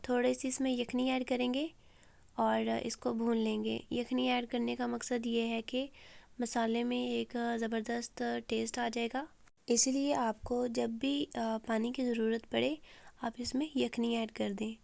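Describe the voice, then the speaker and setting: A woman hosting a cooking channel, talking through a recipe step by step with a hoarse, sore throat and frequent pauses. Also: fairly high pitch, level tone, darkish tone, no room sound. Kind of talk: recipe voice-over.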